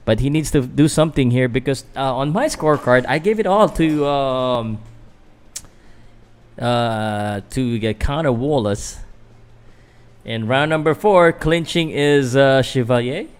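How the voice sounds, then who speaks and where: A young Filipino man, a channel host, gives loose live commentary on a boxing fight in a clear, resonant, medium-pitched voice at an unhurried pace. He is casual and hesitant, full of fillers, and answers viewers in chat as he goes.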